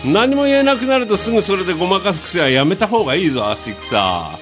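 A man doing comedic banter with an AI assistant, firing off rough, exasperated retorts. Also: high-pitched, very animated, a little fast, music in the background.

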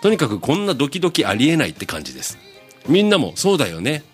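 A man's voice: a little high, wildly swooping pitch, quick pace, husky, soft background music. A man in his fifties hosting a radio show, reading listener mail in a casual, teasing way and laughing often. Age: 50s. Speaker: radio host.

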